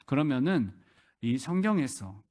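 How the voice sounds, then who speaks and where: A man's voice: medium pitch, big pitch swings, a little slow, a little mellow. A male pastor preaching a sermon, acting out quoted pleas with rising emphasis.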